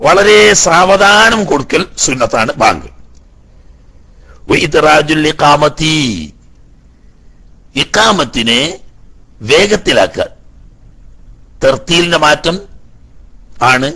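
A man's voice: on the high side, pushed and bright, slightly rough. A male religious teacher giving a lecture on Islamic law, explaining Arabic phrases line by line and asking the class rhetorical questions. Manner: explains Arabic text line by line, then paraphrases.

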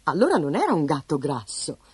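A woman reading a children's story aloud in an expressive, sing-song storybook narration. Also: sits low, a little fast. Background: soft background music.

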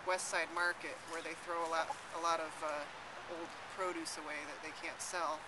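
A woman's voice: low-pitched, level tone, moderate pace. Young woman farmer outdoors. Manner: thoughtful, many fillers and restarts. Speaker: urban farmer. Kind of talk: outdoor interview answers. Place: outdoors in a city garden. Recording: loud outdoor background noise.

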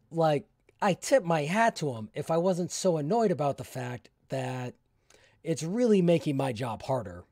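A man's voice: fairly high pitch, darkish tone, no echo, clean studio sound. A man voicing an irritated, stubborn ship captain in a solo tabletop role-play, grumbling indignantly. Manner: grumbling, indignant in-character monologue.

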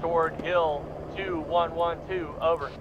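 Man giving terse radio updates, flat delivery. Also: on the high side, measured pace, highs cut off, very noisy. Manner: clipped, procedural military radio phrasing. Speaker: commander in a military simulation game.

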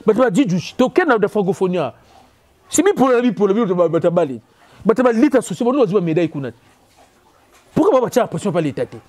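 A man with a Congolese French accent delivers a heated, repetitive rant as a football commentator. His voice sits high for a man yet sounds dark and mellow in tone. He hammers each point again and again. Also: big pitch swings. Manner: emphatic, repetitive, rapid code-switching. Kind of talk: opinion rant on local football.

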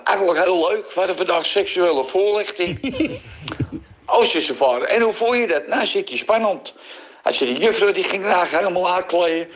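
A middle-aged man with a Dutch accent tells jokes on the radio in a lively storytelling manner. His voice sits a little high, and he slips into different voices for the characters in his jokes. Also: highs cut off. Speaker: joke teller on radio show.

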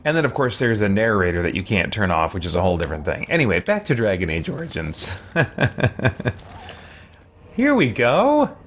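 This home game streamer talks at a moderate pace in a lowish voice, pausing often as he rambles through animated, chatty fan commentary. Slight background noise and faint game audio fill his small indoor room.

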